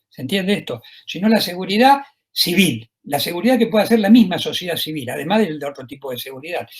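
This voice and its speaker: A husky, slightly high-pitched man with an Argentine accent delivers a university lecture. He talks in a discursive way, stopping often on filler words and checking in with his listeners through tag questions. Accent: Argentine Spanish. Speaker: law professor lecturing.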